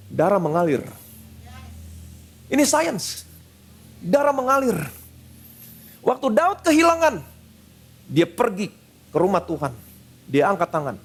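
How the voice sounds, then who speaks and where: High pitched guy preaching at church, repeats himself a lot for emphasis, throws in english words. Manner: emphatic, repeats short phrases for effect; mixes English phrases into his preaching. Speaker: pastor. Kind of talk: sermon. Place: church service.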